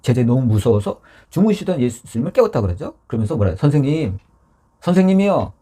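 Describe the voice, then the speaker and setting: A man's voice: medium pitch, very fast, husky. A man preaching a Sunday sermon in a church. He acts out voices from scripture and drops to a whisper to stress a point. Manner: animated preaching, acting out scripture voices, dropping to whispers for emphasis. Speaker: pastor.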